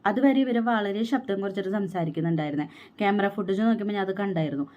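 Pregnant young woman, rapid aggrieved storytelling, dull lo-fi sound. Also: mid-range voice, a little mellow. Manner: fast, aggrieved storytelling with quoted dialogue. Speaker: vlogger. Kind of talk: personal story vlog.

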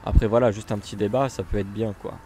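Playing a bus simulator, a French-accented gaming YouTuber rambles in a chatty way, full of fillers and false starts. His lowish voice is steady, quick, and mellow, over a faint hiss or hum.

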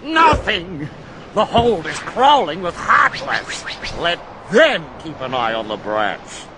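An actor playing a blustering, cowardly middle-aged pirate captain in a video game, with a pompous, theatrical villain delivery. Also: male voice, high voice, big pitch swings, takes it slowly, background noise, exaggerated voice. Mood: irritated.

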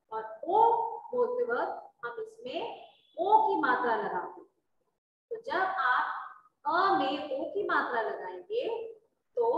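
A woman teaching young children, slowly explaining with example words, stretching the vowels and checking whether the children understood. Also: sits high, a bit bright, distant mic, lo-fi sound. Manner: asks the children if they understood. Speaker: primary school teacher. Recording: echoey classroom with faint background noise.

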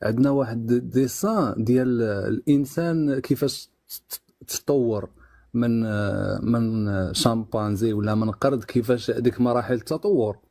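Fast mellow man calling in. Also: mid-range voice, dry recording, clean studio sound. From Morocco. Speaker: caller. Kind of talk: live call-in debate.

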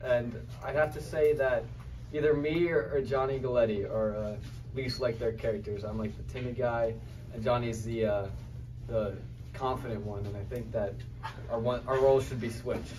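A teenage boy in a school play's cast answering interview questions haltingly with fillers, in a school hallway. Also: mid-range voice, steady tone, darkish tone, distant mic, slight background noise, rough recording. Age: teens. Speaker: student cast member. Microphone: handheld mic held by interviewer.

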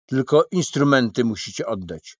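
A man's voice: mid-range voice, expressive, moderate pace, husky, no echo, pitched above the performer's own voice. A man voicing a fussy little man from a storybook kingdom who calls out shrilly and emphatically. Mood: fussy, emphatic.

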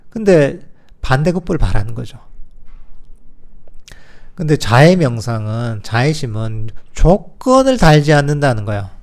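A man, a Buddhist monk giving a dharma talk. He talks plainly, asks rhetorical questions, and turns gentle and soothing at times. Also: mid-range voice. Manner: gentle, soothing when voicing self-compassion.

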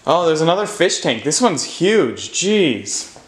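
A young man films an urban exploration vlog in an empty abandoned house, speaking in a fairly high, sing-song voice at a slightly slow pace. He chats while guessing aloud what each bare room used to be, dropping to hushed tones when nervous. The hard rooms make the audio echoey, and the noise is loud.

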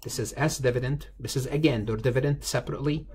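Speaking fast in a steady, medium-pitched, slightly mellow voice, an accounting lecturer walks through an informal screen-recorded tutorial step by step. His manner is conversational, with frequent repetition and rephrasing.

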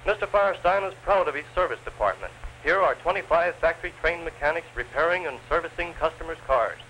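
On a noisy 1930s film soundtrack, a promotional film narrator pitches a newsreel advertisement in a salesman's declamatory style. His high-leaning voice is animated, fast, pushed, and bright.

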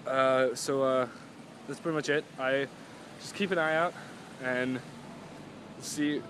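Faint traffic hum fills the background as a young man vlogs casually outdoors, next to parked cars in a parking lot. His ordinary-pitched voice is fairly bright and fairly even in intonation, and he takes it slowly. He's chatty and self-mocking, rambling and often losing his thread to start again.

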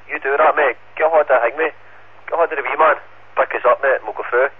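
A Scottish amateur radio operator talks fast over a two-way radio, his medium-pitched voice fairly even with a breathy edge. He's casual but confrontational, swearing heavily, and the transceiver link sounds tinny and band-limited with static.

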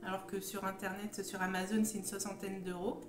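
A woman with a sore throat talks at length in a casual, hesitant way, at a middling pitch. The room rings around her voice as she records on a phone at home, with music in the background. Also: little pitch movement, fairly quick. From Champagne, France. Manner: talkative, hesitant, wandering. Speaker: hobby video host, first-time vlogger. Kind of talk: casual chatty vlog. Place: room at home with stone walls. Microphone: phone at arm's length or slightly further. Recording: roomy, echoing phone recording with faint music.

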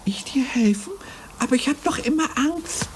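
A woman playing a jittery little male hare from a puppet show, his squeaky voice leaping up and down in a shrill register. He wails and begs, always sure that danger is close. The clean hiss of an old studio recording sits behind him. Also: big pitch swings, moderate pace. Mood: timid. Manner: panicky, wailing pleas. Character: timid cowardly male hare. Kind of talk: puppet play voice acting.

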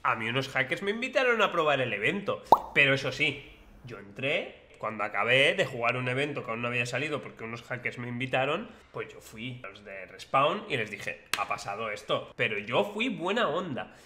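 Brief: Spanish streamer from Spain, bright voice, casual exclaiming reactions. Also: male voice, medium pitch, big pitch swings, a little fast, slight background noise. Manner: blunt, exclaiming, teasing.

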